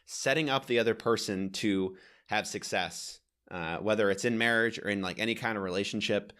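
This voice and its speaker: A man with a fairly low voice co-hosts a podcast in easygoing chat. He talks earnestly and rambles a little, often breaking off to correct himself. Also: moderate pace, a bit bright, clear, resonant tone. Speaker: podcast co-host. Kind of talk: casual chat.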